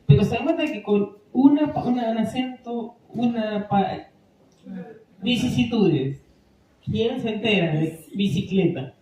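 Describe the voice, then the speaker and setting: A woman's voice: on the high side, expressive, a little slow, mellow, a little hiss or hum. A woman giving an informal training talk to a parish group, conversational and often checking that listeners follow. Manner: conversational, asks the room for agreement often. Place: parish meeting room. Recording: echoey room, distant mic.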